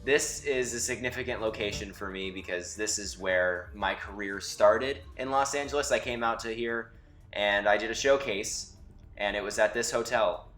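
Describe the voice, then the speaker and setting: A man's voice: on the low side, moderate pace, fairly bright tone, soft background music. A young man narrating a casual driving vlog from inside his car, chatty and wry, his voice a bit muffled from a camera mic set away from him. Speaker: vlogger. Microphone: camera mic from a distance, muffled.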